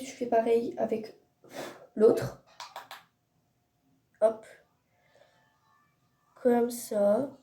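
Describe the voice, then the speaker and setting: A teenage girl talks through her makeup routine in a relaxed, rambling way, full of fillers and restarts. Her voice sits a little high but sounds mellow and soft. The room around her is echoey. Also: vocal fry. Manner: chatty, hesitant, many fillers and self-corrections. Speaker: beauty vlogger. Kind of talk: casual makeup tutorial.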